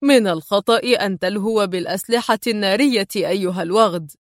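A woman's voice: medium pitch, quick pace, dry recording, studio quality, natural voice. A woman voicing a cool male action hero who speaks with sarcasm. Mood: mocking. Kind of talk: audiobook character reading.

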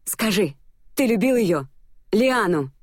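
A defiant young woman, as the woman narrating puts her on demands answers in a raised, forceful voice. The audiobook recording is close and dry. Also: mid-range voice, lively intonation, slow pace, no room sound, voice pushed up.

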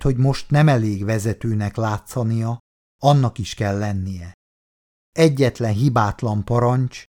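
Man, audiobook narration, measured, dramatic. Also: mid-range voice, a little mellow.

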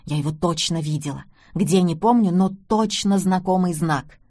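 A woman voicing an impulsive, fussy grandmother who bursts out in high, excited exclamations. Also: normal speed, no room sound, studio quality, natural voice.

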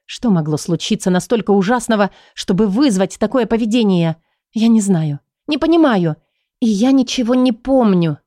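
A woman's voice: medium pitch, lively intonation, normal speed, warm tone, no room sound, studio quality. A woman narrating a first-person audiobook, emotively voicing the troubled heroine's thoughts and lines.

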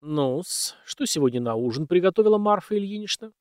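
A man's voice: sits high, lively intonation, brisk, darkish tone, clear, resonant tone, no echo, voice pushed up. A cautious old male servant speaks plainly and folksily, as a man narrating a storybook voices him. He is dutiful and a little nervous before his master. The voice is close and dry. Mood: homely.

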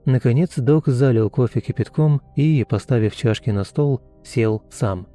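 A man narrating an audiobook in a steady, even storytelling manner. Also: medium pitch, normal speed, faint music behind.

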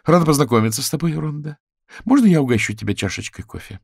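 Brief: sharp vixen journalist, played by a male narrator, firm and businesslike, lifted pitch. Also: animated, quick pace, gravelly, slightly rough, no echo, clean studio sound, exaggerated voice. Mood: brisk, firm. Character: shrewd female fox journalist, brisk.

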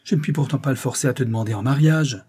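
A man voicing an irritable, sharp-tongued middle-aged woman in a story reading, scornful and shrill. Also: fast, husky. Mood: exasperated.

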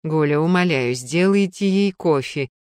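A woman's voice: sits low, a little slow, darkish tone, clean tone, no room sound, studio quality. A woman reading a story, voicing an elderly female museum keeper who speaks in a stately, commanding way.

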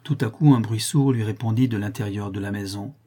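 A man narrating a classic novel as an audiobook in a measured, steady reading style. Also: on the low side. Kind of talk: scripted narration.

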